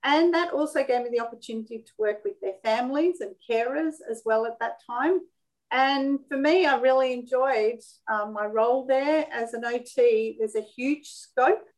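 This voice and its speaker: A woman from Sydney in her fifties with an Australian accent, answering interview questions over a video call. Her voice sits a little high, and she talks in a measured, friendly way, pausing with small ums as she gathers her thoughts. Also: low-quality recording. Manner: warm, measured, with frequent ums. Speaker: occupational therapist guest. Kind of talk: interview conversation.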